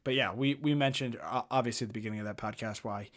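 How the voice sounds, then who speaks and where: A man's voice: medium pitch, fast talker, fairly bright tone. A man hosting a casual sports podcast, joking with his co-hosts as he leads the segment. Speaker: podcast host.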